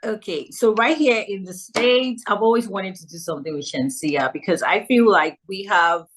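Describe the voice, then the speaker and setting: A woman's voice: medium pitch, normal speed, a bit bright. A woman from Nigeria, a musician guest on a radio show, chatting cheerfully over a video call and laughing often. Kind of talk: casual interview chat.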